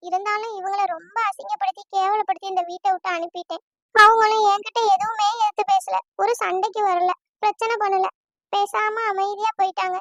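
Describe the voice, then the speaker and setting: A woman doing a high-voiced remorseful aunt. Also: a bit bright, dry recording, highs cut off. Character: calm remorseful middle-aged aunt. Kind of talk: cartoon voice acting.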